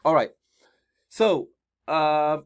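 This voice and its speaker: A man's voice: on the high side, extremely slow, clean tone. A man with a Nigerian accent hosting an online career seminar, chatty, often repeating his points and checking in with "right?". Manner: conversational, repeats key points, frequent "right?" check-ins. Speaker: seminar host.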